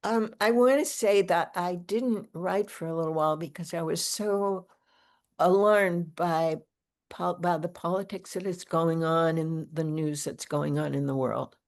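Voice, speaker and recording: A woman, the featured poet, reading her own poetry aloud in a measured, deliberate way. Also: fairly low pitch. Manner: slow, deliberate, measured delivery.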